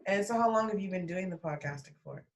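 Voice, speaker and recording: A woman's voice: mid-range voice, fast talker, rough recording. A woman hosting her own online show, introducing and questioning a guest in a friendly, hesitant way. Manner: friendly, hesitant, with many restarts. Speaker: host. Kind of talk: casual interview chat.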